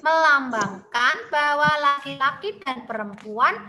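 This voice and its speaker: Her voice sits high as she teaches young children online over a video call, with noise in the background. The primary school teacher, who is from Central Java, Indonesia, and has a Javanese accent, explains patiently and slowly, peppering her talk with tag questions.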